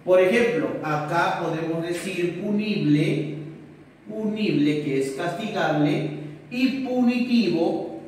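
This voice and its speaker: A young male teacher, filmed from across an indoor whiteboard room, talks through a lesson in a fairly high voice at an unhurried pace. He keeps asking questions as if he were a student, answers them himself and checks in with tag questions. The sound is very echoey and a little distant. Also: darkish tone, a little hiss or hum. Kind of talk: classroom lesson recorded for distance learning. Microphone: camera across the room.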